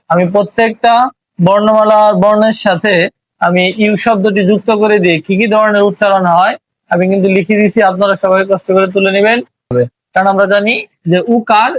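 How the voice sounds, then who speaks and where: A Bangladeshi man teaches a pronunciation lesson in a fairly high voice. He explains patiently and stretches out each letter sound. The recording is close and dry, with no room sound. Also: dry recording. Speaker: English teacher.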